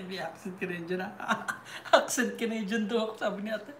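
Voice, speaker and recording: A woman from the Philippines chatting casually as a vlogger, laughing often and giving shout-outs. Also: mid-range voice, steady tone, moderate pace, very noisy.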